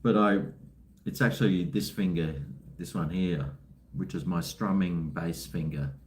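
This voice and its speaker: A man's voice: low voice, unhurried, a little hiss or hum. An Australian man chatting casually on a live stream in a laid-back, blokey, colloquial way, responding to viewers.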